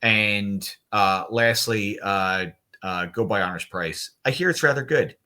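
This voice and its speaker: A man, an event organizer, chatting on a podcast in an animated, jokey way, with bursts of loud mock outrage. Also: lowish voice, a little slow. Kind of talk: casual podcast chat.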